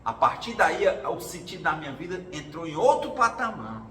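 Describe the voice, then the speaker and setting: At a spiritual gathering, a man gives a casual talk about his own life, telling stories and performing other people's voices as he quotes them. His voice sits on the high side and sounds pushed and bright, very animated, at a moderate pace. The hall is roomy, the mic distant, and there's faint background noise.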